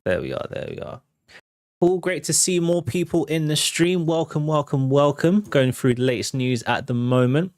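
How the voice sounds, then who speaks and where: Hosting a live entertainment news show, this man chats in a relaxed, conversational way and speaks directly to viewers. He has a fairly high, darkish voice at a normal pace, recorded dry with clean studio sound.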